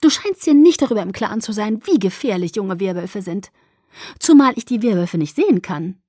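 A woman's voice: medium pitch, expressive, fairly quick, warm tone, no echo, clean studio sound, close to an everyday voice. A woman voicing a bubbly, cheerful teenage vampire girl in an audiobook, with a sing-song, chirpy delivery. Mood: breezy. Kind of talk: audiobook character voice.

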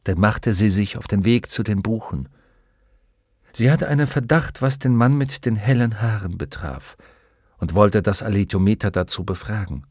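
A man narrating a novel in a measured, expressive storytelling manner. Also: on the low side, dry recording, clean studio sound. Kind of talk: audiobook narration.

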